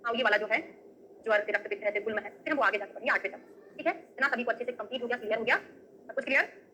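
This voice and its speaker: Brief: woman lecturer, bright, fairly high voice, checks in with the class, uses memory tricks. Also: racing, slight background noise, rough recording. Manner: asks students questions and checks with "है ना?"; memory tricks and everyday examples. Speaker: Ayurveda teacher. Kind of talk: online exam-prep lecture.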